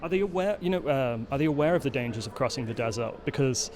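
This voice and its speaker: A man interviewing a filmmaker at a festival, asking quick, chatty questions and adding short "yeah"s while the other man talks. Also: medium pitch, animated, a crowd in the background.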